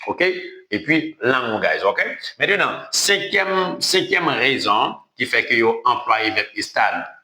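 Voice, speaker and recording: A man giving an online language lesson as its teacher. He repeats words slowly again and again and keeps checking in with a quick "ok?". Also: medium pitch, sing-song, bright, forceful tone, echoey room.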